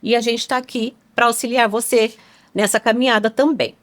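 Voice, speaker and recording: A woman's voice: a little high, fairly even intonation, moderate pace. A woman co-hosting a podcast, speaking encouragingly and repeating key points for emphasis. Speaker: podcast co-host. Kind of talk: conversational podcast talk.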